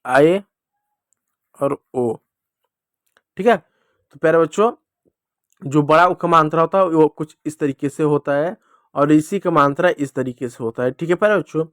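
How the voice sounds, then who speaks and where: A male teacher giving a children's reading lesson, addressing the kids directly and drawing out each letter sound slowly, asking and answering his own questions. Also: fairly high pitch, dry recording, studio quality. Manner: slow, drawn-out sounding of letters.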